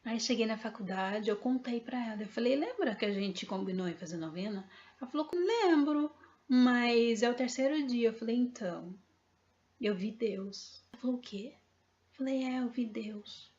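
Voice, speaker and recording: A woman's voice: mid-range voice, moderate pace, a little mellow. Woman, earnest testimony teller, acts out dialogue; dull lo-fi recording. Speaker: spiritual storyteller. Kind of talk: personal testimony.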